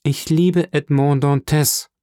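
A proud, steadfast young fisher girl, as a male audiobook reader puts her on in a lifted, earnest voice. She speaks with firm conviction, refusing calmly but without yielding. The sound is dry and close, with no room around it. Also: unhurried, no room sound. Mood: cold, resolute. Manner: raised pitch, earnest pleading tone. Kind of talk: audiobook reading.

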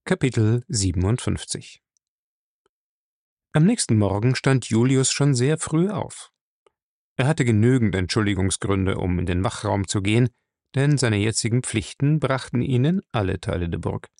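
Man reading a book out loud, gravelly voice, dry close sound, steady pace. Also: fairly low pitch, moderate pace, dry recording. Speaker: audiobook reader. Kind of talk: reading a novel aloud.

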